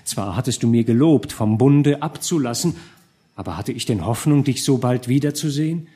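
A man's voice: medium pitch, expressive, normal speed, warm tone, close to an everyday voice. A man reading an audiobook, voicing a loving young noblewoman who is hurt and easily moved to tears, in a raised, pleading voice. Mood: anxious, pleading. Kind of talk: audiobook character voice.

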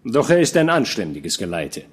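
A seasoned old war commander, voiced by a man reading an audiobook, kind and paternal beneath his authority. He speaks warmly and evenly, lifting his voice with lively pitch as he reassures. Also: normal speed, breathy edge. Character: veteran male army commander, fatherly and kind.

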